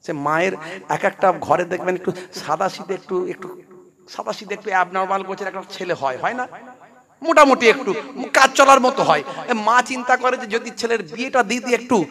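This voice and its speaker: Man, preacher, high voice, animated storytelling sermon, crowd audible behind. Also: quick pace. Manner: animated, acts out characters, rises to fervent exhortation. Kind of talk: Islamic sermon with comic storytelling. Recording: crowd noise from a large gathering.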